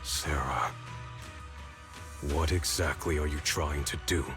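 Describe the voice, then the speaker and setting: A man's voice: a bass voice, steady tone, slow pace, over music. A man voicing a grim, vengeful, protective warrior in a video game, with an intense dramatic delivery. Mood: angry, accusing. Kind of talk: scripted video game voice acting.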